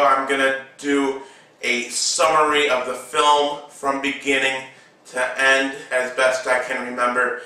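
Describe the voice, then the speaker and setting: A man recapping a movie casually with toy figures, excitable and adding his own sound effects. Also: mid-range voice. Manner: excitable, slow storyteller, makes sound effects. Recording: very echoey room, mic at a distance.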